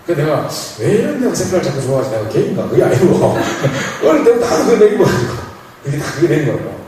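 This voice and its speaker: A fast-talking man preaches a storytelling sermon. His voice is bright, and it swings up and down as he acts out the voices in his story. He is heard from across a church hall, with heavy echo and faint room noise. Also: fairly high pitch. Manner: animated, playful, acts out dialogue with laughs. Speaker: pastor. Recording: echoey hall, mic from far off.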